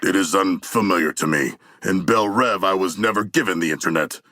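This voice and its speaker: An actor playing a huge, noble and bloodthirsty shark warrior in a video game, deep and gravelly, with formal, grandiose diction. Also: male voice, fairly quick, pushed and bright, no room sound, studio quality. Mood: calm, earnest.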